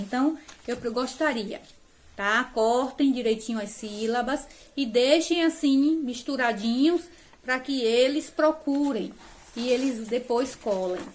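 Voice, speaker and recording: A woman from Brazil, a primary school teacher, patiently explaining a remote lesson task to parents and children step by step, checking in often and using affectionate diminutives. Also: fairly high pitch.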